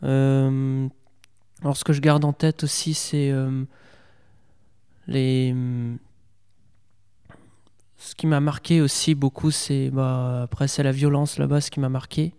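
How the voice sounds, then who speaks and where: A man's voice: mid-range voice, little pitch movement, slow pace, pauses often, mellow, smooth, long reverb tail. A young man from Portugal, answering interview questions hesitantly with many fillers and restarts. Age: young adult. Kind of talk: casual interview.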